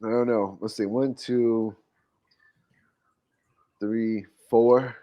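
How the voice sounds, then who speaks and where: A man's voice: medium pitch, steady tone, drawn-out words, warm tone. A man co-hosting a podcast, chatting casually in a laid-back, teasing way. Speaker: podcast co-host. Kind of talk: casual chat.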